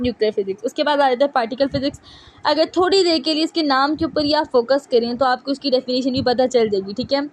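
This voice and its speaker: Woman teacher, high voice, asks and answers her own questions. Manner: reads English textbook lines slowly. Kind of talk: physics lesson.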